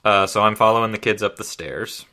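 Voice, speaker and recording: A man playing a tabletop game, chatting and joking with the table in an animated way. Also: lowish voice, a little fast, background noise. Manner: animated, joking, laughs often. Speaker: player. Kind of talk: casual tabletop game chat.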